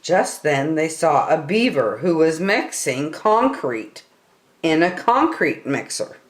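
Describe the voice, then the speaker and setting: A woman reading a children's picture book aloud in an expressive, deliberate manner as a story time reader. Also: low-pitched, reverberant. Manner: animated, deliberate.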